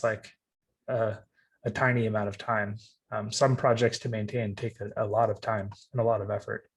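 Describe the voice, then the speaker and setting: Husky-voiced man hosting an online class. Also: medium pitch. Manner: easygoing, with fillers. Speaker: bootcamp host.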